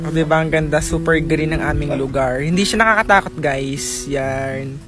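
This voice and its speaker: A man's voice: a little high, normal speed, over music. A man with a Southern Tagalog accent vlogging casually to camera and to a child in a playful, teasing, exclamatory way.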